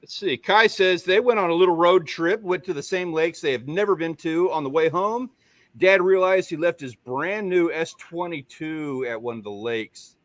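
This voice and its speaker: A man's voice: fairly high pitch, normal speed, a bit bright, no echo. A man co-hosting a casual fishing livestream, rambling and self-deprecating as he greets viewers by name. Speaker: livestream co-host. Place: home on Padre Island.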